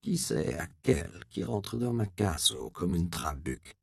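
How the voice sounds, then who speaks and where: A man's voice: low voice, very animated, unhurried, vocal fry, dry recording, studio quality, voice pushed down, full character voice. A man doing a drawling old peasant woman. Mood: defiant.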